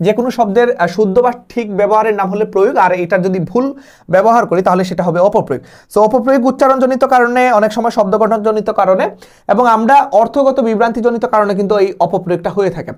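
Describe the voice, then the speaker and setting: Young male tutor, fast-paced exam-prep lecture, explanatory, peppered with English words. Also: high voice, a little mellow. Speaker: admission test tutor.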